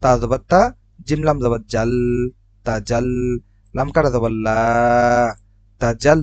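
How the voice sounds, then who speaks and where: A man in a step-by-step recitation lesson, spelling out each letter and vowel mark before blending them into syllables. His voice sits at an ordinary middle pitch. It is recorded close and dry, with no echo of a room. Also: unhurried, darkish tone. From Bangladesh. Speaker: Quran reading teacher.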